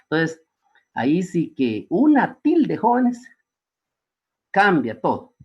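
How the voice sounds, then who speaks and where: A man's voice: a little high, wildly swooping pitch, slow pace, breathy edge, dull audio. A man, lecturing his students and firing off rhetorical questions with frequent tag questions. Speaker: teacher.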